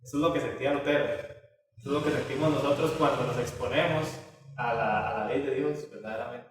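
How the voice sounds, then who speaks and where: A man's voice: medium pitch, steady tone, a little fast, music in the background. A man teaching a Bible study lesson in a conversational way, with many filler tags and restarts. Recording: echoey hall from far off.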